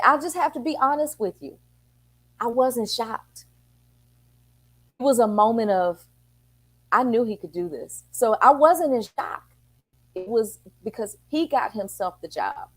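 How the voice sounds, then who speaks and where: Earnest middle-aged woman telling a story. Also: medium pitch. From Texas. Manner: earnest, storytelling, acting out quoted exchanges. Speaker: city council member and parent guest. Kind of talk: talk show conversation.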